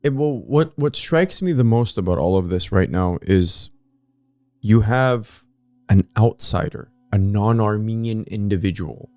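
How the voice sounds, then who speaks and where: A man's voice: lowish voice, unhurried, a little mellow, no room sound. Man pressing his point on a podcast. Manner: pushes his point, questioning, often cuts in. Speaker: podcast co-host. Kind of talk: casual history podcast discussion.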